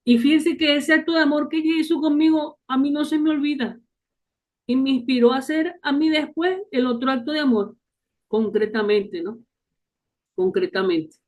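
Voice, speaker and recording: A man speaking to a faith group, telling stories in a casual, lively way. He often adds short tag questions and laughs along as he talks. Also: extremely high pitch, moderate pace. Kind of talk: casual storytelling talk.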